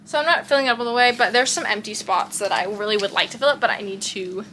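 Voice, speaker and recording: A woman's voice: mid-range voice, quick pace, sharp tone, slight background noise, poor audio. A young woman from Texas with a light Texan accent, rambling in casual chat in her bedroom and often losing her train of thought. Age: young adult. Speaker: vlogger.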